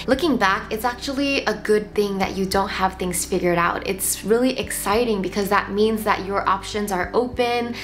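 A woman in her late twenties hosting a casual vlog, reflecting with gentle advice and lots of "like" fillers, filmed sitting on the floor at home. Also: medium pitch. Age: 20s. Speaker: lifestyle channel host. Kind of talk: casual talking-head vlog. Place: home room, seated on the floor.

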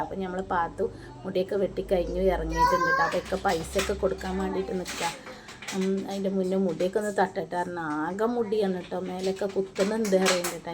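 A mother vlogging about her family in a Malabar Malayalam accent, giving a chatty voice-over narration recorded in a separate room at home. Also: fairly low pitch. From Malappuram, Kerala. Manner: chatty, warm tag words at line ends. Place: indoor room, recorded apart from the filmed scenes. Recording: noisy home recording, kids in background.

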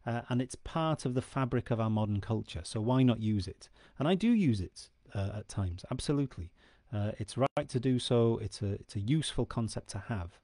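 Here a man in his forties, first language Welsh, earnestly explains Celtic myth to camera while often checking in with the listener. His mid-range voice is a little mellow. Sitting in a dark room indoors with a studio mic on a stand right in front, he's heard in clean studio sound with no room sound.

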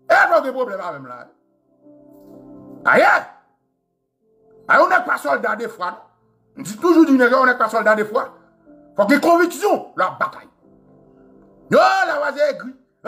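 A man with a Haitian accent delivering a heated live-stream rant, animated and combative, breaking into shouts and swearing, over faint background music. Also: extremely high pitch, gravelly. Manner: animated, shouting bursts, code-switching, swearing. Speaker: commentator.

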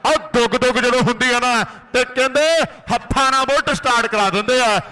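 A man's voice: extremely high pitch, fairly even intonation, fairly quick, pushed and bright. A man with a Malwa Punjabi accent delivers frantic rural sports commentary, a running play-by-play of kabaddi. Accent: Punjabi from Indian Punjab's Malwa region.

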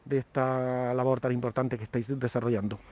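A man hosting a local TV interview, his voice mellow and soft-edged. He speaks formally and at length, with winding sentences. His pitch sits in an ordinary middle range for a man. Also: little pitch movement, a little fast. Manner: formal, long-winded phrasing.

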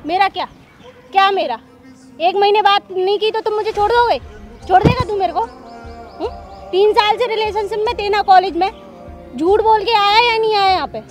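A woman's voice: very high voice, normal speed, long pauses. A tearful woman, angrily confronting her ex-boyfriend in a staged prank and repeating her accusing questions. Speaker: jilted ex-girlfriend in a prank. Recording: loud background music.

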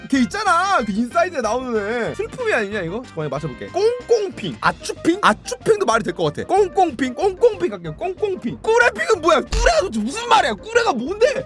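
A gaming YouTuber hosting a guessing game in casual commentary, joking around with sudden shouted outbursts. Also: very high voice, fairly quick, hardly any pauses, faint music behind. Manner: animated, joking, bursts of shouting.

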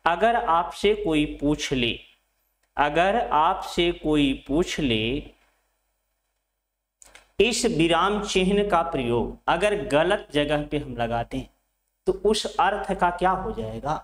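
A man's voice: on the high side, animated, slow pace. A middle-aged man teaching Hindi to exam students, repeating phrases, asking questions and answering them himself, and calling his students his children. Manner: addresses students fondly as children. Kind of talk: classroom lecture at a board. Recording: echoey room.

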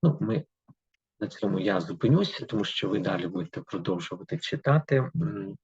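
Husky, gravelly male teacher reading verse. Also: deep voice, lively intonation, quick pace, no room sound. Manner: reads verse with emphasis, explains with many fillers. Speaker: literature teacher. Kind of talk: reading a poem aloud and explaining it to pupils. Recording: dull, lo-fi dry recording.

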